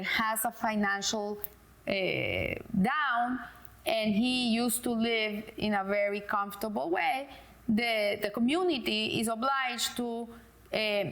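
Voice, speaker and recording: A woman's voice: on the high side, a bit bright. A middle-aged woman giving a casual religious lesson, hesitant, with many fillers and restarts. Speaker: Torah teacher.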